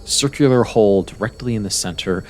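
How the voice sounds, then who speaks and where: A man narrating a tabletop game as game master, in measured, descriptive phrases with pauses. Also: on the low side. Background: soft music.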